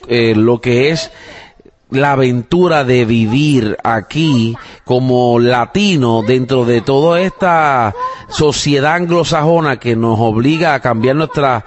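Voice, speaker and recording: Relaxed and full of fillers, a Puerto Rican man with a Puerto Rican Spanish accent talks with his young daughter on the family podcast he hosts, slipping in an English phrase now and then. His voice sits at medium pitch.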